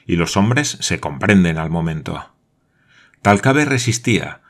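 A man narrating an adventure novel in a steady, measured audiobook reading. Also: deep voice.

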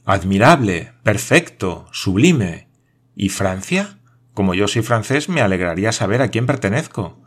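A man voicing an excitable, middle-aged French geographer who exclaims in theatrical amazement. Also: lowish voice, unhurried, husky, heavily acted. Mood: astonished.

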